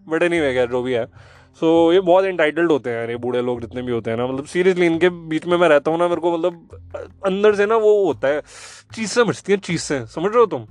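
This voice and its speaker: A man's voice: fairly high pitch, brisk, a little mellow, no room sound. A young man, hosting a podcast in a casual, rambling, joking monologue that mixes Hindi and English. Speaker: podcast host.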